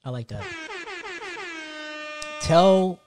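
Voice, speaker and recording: A man's voice: fairly high pitch, expressive, drawn-out words, over music. A man hosting a podcast, asking short questions and teasing his guest. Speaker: podcast host. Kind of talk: casual interview chat.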